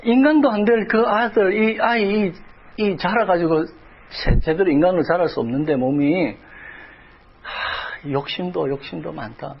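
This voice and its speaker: A man's voice: sits high, a little slow, lo-fi sound. A middle-aged male pastor preaching a sermon, telling a personal story with emotion that rises toward crying out in prayer. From South Korea.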